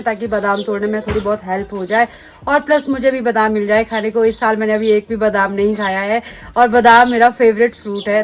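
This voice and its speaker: A young woman, vlogging outdoors in her mountain village and chatting straight to the camera. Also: a little high. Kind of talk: casual vlog narration.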